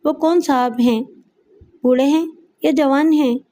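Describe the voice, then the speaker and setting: A woman voicing a suspicious, sharp-tongued middle-aged mother who scolds and threatens in an audiobook story. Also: sits high, measured pace. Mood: scolding. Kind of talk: audiobook character voice.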